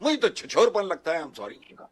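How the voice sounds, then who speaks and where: A man on a television talk panel, delivering a scornful, sarcastic rant. His voice sits a little high and swings widely as he mocks and scolds. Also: wildly swooping pitch, normal speed. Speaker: talk show guest. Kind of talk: heated TV panel commentary.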